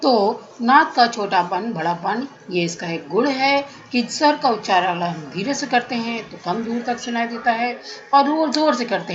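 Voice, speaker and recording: A woman teaching a music theory class, explaining terms step by step in a measured lecture. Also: mid-range voice, muffled recording.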